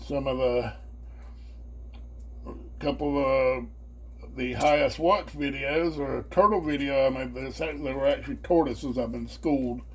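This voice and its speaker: The host of a home cooking video channel chats casually through a homemade cooking demonstration, folksy and colloquial with y'all and homespun phrases. His mid-range voice is husky and a little mellow, unhurried with frequent pauses. The audio is poor, with faint background noise and hum.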